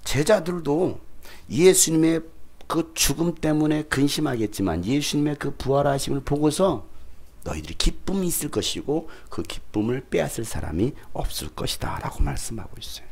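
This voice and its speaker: A middle-aged pastor tells a sermon story in a church sanctuary at a moderate pace, his slightly high voice breathy at the edges and touched with vocal fry. He brings it alive with shouts, laughter and voices he acts out.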